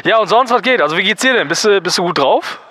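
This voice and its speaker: A man talks fast in a bright, forward voice, rambling through stories with restarts and slang. The sound is close and dry, with no room around it. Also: sits high, lively intonation, dry recording. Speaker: caller. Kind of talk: casual phone chat.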